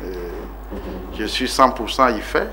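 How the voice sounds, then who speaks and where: A man in his forties from Togo talks through his life story as a guest on a television interview. His voice is bright and forward, his delivery earnest and emphatic, broken by frequent filler sounds and pauses. A faint hiss sits behind him. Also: on the low side. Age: 40s. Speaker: guest politician.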